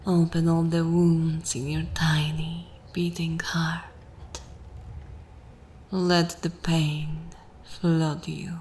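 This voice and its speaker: In a dark fantasy ASMR roleplay, a woman plays a seductive, cruel, jaded vampire mistress, breathily whispering slow, commanding, theatrical lines in a deep voice. A faint hiss or hum sits under the recording.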